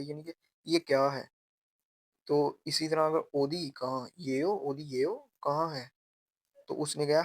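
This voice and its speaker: A man with a slightly high voice gives a patient grammar lesson. He talks slowly through each example and repeats key phrases, recorded close and dry with no room sound. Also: no echo. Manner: slow, repetitive teaching, drawing out example phrases. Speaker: language teacher. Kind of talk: explaining grammar step by step.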